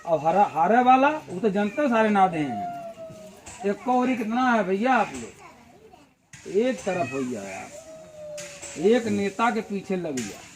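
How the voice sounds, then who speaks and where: A man's voice: high voice, huge pitch swings, slow pace, long pauses, noisy background. A man giving an outdoor village meeting speech as a party organizer, full of rhetorical questions and folksy analogies.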